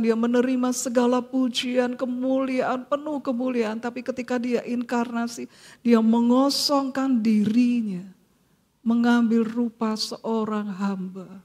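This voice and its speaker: A woman preaching a Good Friday sermon in church, earnest and emotional. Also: darkish tone. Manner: earnest, slow and emotional, rising high when quoting. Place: church service.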